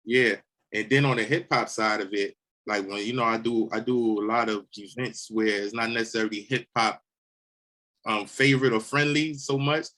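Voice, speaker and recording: A young man hosting a casual interview, talking in a relaxed way with many restarts and repeated words. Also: fairly low pitch, moderate pace. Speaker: host.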